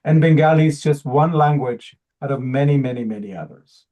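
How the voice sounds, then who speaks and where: A native Hebrew speaker presents a project pitch to an audience with earnest conviction, speaking a little fast. His middle-pitched voice is mellow with a darker timbre, and he often repeats a word or restarts a phrase partway through as he hunts for wording.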